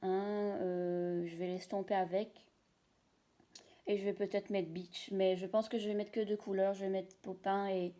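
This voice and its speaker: A woman's voice: medium pitch, little pitch movement, a little slow, dark tone. A woman showing her shopping finds in a casual, rambling home video, full of hesitations. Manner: chatty, rambling, many hesitations. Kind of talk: casual product show-and-tell. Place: at home, indoors.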